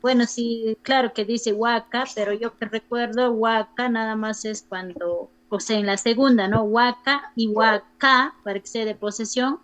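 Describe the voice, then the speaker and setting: A woman's voice: a little high, steady tone, measured pace, hardly any pauses, fairly bright tone. Hesitant woman student on a call. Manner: hesitant, thinking aloud. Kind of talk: asking a question in an online class.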